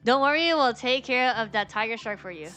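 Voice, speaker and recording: A woman's voice: fairly high pitch, expressive, brisk, sharp tone. A woman voicing an earnest, questioning young defense lawyer from a courtroom game. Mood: determined. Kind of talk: reading game dialogue aloud.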